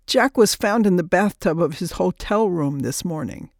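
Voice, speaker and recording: A woman's voice: fairly low pitch, expressive, no room sound, studio quality. A woman voicing a grieving man with a ragged, choked voice as he breaks terrible news over the phone. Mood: grave. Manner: halting and choked.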